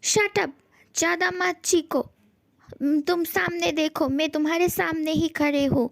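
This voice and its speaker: A woman's voice: extremely high pitch, fairly even intonation, measured pace, vocal fry, no echo, full character voice. A woman voicing a bossy young male ghost. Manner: bossy, threatening. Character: handsome young male ghost, possessive of his room. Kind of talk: fan audio story voice-over.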